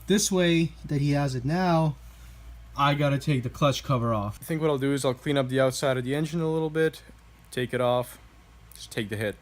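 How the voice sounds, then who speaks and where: A man vlogging casually while he works on a motorbike indoors, talking with a relaxed manner and thinking aloud with fillers. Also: medium pitch, a little fast, a little hiss or hum. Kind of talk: casual commentary while working. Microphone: camera mic, handheld then set down.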